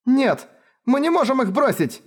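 A man's voice: medium pitch, brisk, lightly acted. A man voicing a frightened, desperate young princess in a raised, strained, pleading voice.

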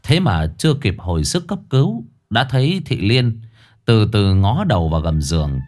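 A man's voice: on the low side, big pitch swings, moderate pace, darkish tone. A man narrating a ghost story in a colloquial, crude and dramatic manner.

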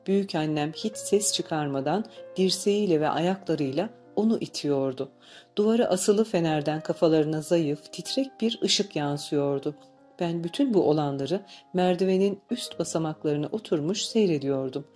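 A woman reading a novel aloud as an audiobook narrator, in calm, measured storytelling. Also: sits low. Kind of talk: scripted narration.

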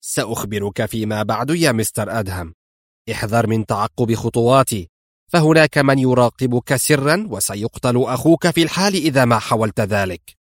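A man's voice: medium pitch, lively intonation, brisk, no room sound, clean studio sound, lightly acted. A man reading an audiobook and voicing a cunning, smug old male villain in a wheelchair. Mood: sly, smug. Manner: smug, mocking, theatrical.

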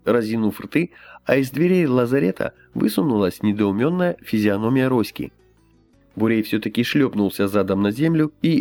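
A man reading an audiobook aloud in an expressive storytelling manner. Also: lowish voice, no echo. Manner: expressive, lively. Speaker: audiobook reader. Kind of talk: scripted narration.

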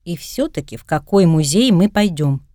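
Woman doing a mischievous young woman, wry, lively, lowish mellow voice, storybook. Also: moderate pace, no echo, studio quality, lightly acted. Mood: playful. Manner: lively, wry, chatting to her cat.

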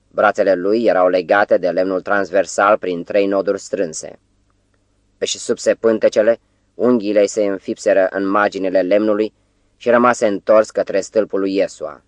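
A man reading a novel aloud as an audiobook narrator, in a measured, even-paced way. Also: on the low side, dry recording. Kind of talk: scripted literary narration.

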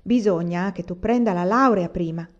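A woman's voice: on the low side, moderate pace, close to an everyday voice. Woman reading as a fussy old village woman. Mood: insistent. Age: older. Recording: dull lo-fi recording.

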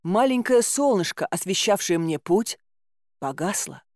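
A woman narrating a first-person fairy-tale audiobook in a wry, expressive storytelling manner. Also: medium pitch, a little slow, dry recording, clean studio sound.

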